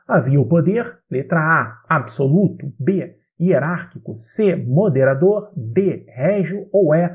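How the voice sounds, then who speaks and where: A Brazilian man teaching an exam-prep history lesson, explaining clearly and speaking directly to the student. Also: a little high, darkish tone. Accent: Brazilian Portuguese.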